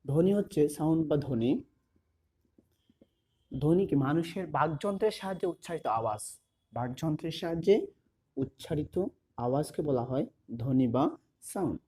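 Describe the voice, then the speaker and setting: A man teaching a class, repeating key terms slowly as he writes them out. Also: on the high side, mellow, breathy edge. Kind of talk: explanatory class lesson.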